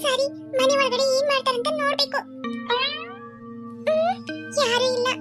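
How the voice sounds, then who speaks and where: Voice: very high voice, animated, unhurried, sharp tone, heavily acted. A performer voicing a curious young boy in a cartoon, muttering suspiciously to himself about his grandmother. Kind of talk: cartoon voice acting. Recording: music playing behind.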